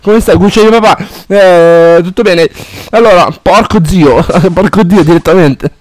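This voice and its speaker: High-voiced, foul-mouthed gaming streamer guy. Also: moderate pace, dry recording. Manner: rambling and profane, chatting to viewers; loud, exaggerated outbursts while playing. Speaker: game streamer. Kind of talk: casual live-stream chatter.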